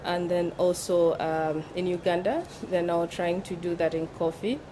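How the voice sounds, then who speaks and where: A woman with a slightly low voice explains things as a panel guest, pausing on fillers. She stands at a conference stand, and clear event noise carries through the recording. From Tanzania. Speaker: panel guest, drone operator. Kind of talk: panel discussion.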